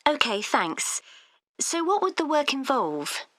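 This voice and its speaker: A woman's voice: sits high, slow pace, no room sound, full character voice. An upbeat young mother job seeker. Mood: friendly. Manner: friendly, lively questions. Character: young mother seeking receptionist work, practical and upbeat. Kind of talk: scripted exam dialogue.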